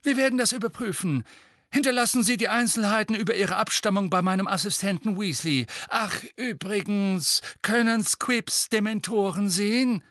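A man's voice: sits high, moderate pace, a bit bright, dry recording, studio quality, voice pushed up. A man voicing a pompous, condescending male minister who sneers and barks at people. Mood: haughty.

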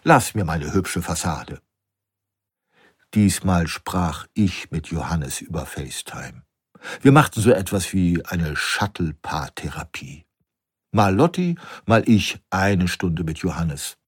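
A man's voice: low voice, animated, slow, breathy edge, dry recording, studio quality. A man narrating a first-person audiobook, reflective, asking rhetorical questions and sometimes dropping to a whisper.

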